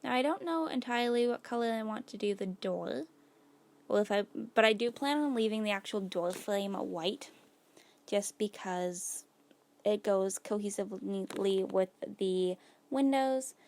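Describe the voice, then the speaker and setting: Hosting a casual build video, a woman whose voice is going hoarse narrates her gameplay and thinks out loud as she works. Her medium-pitched voice is unhurried and a little mellow, peppered with plenty of "like"s and "gonna go ahead"s.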